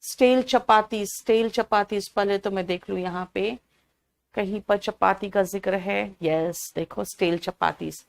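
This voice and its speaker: A woman's voice: mid-range voice, level tone, measured pace, gravelly. A woman teaching an online exam-prep class, chatty and drowsy from cold medicine, mixing English words into her talk and answering students by name. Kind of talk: live online class, explaining an English comprehension passage.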